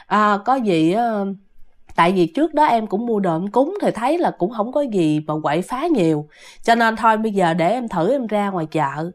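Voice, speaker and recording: A woman voicing an anxious young wife. She talks softly and coaxingly. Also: mid-range voice, animated, moderate pace, pitched below the performer's own voice, close to an everyday voice. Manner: soft, coaxing. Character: poor young wife, anxious but hopeful.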